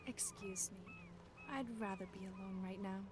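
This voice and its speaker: A woman's voice: medium pitch, huge pitch swings, moderate pace. An actress playing a grieving young woman in a video game, telling her story earnestly and sorrowfully. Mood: sad. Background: game music.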